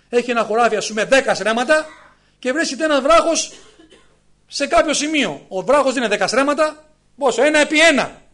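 A man's voice: extremely high pitch, a bit bright. A man in his fifties preaching a sermon, emphatic and full of rhetorical questions to the congregation. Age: 50s.

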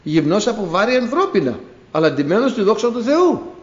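Animated male preacher in echoey hall. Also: high-pitched. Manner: animated storytelling, acting out biblical scenes. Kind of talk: sermon. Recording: echoey room, dull lo-fi sound.

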